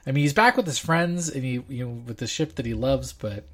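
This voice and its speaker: A man hosting a casual podcast discussion, chatty and animated, laughing often. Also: mid-range voice, brisk. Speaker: podcast host.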